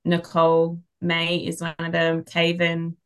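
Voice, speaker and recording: Guesting on a podcast, a low-pitched Australian woman who writes fantasy spins funny stories in an unhurried, smooth voice. She's an animated storyteller, acting out dialogue and leaning into wry exaggeration in a casual chat.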